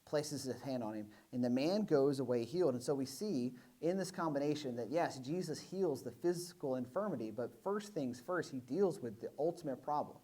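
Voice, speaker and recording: A man's voice: medium pitch, expressive, moderate pace, few pauses, mellow. A young adult man preaching a sermon in a church, talking in a casual, conversational way and acting out voices of the people in the story. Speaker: pastor.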